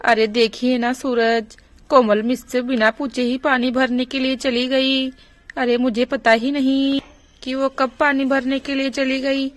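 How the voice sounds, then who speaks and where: A woman's voice: high voice, level tone, a little slow, no room sound. A woman voicing a fretful village mother who fusses and scolds, in a doll story role-play. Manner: fussing, scolding.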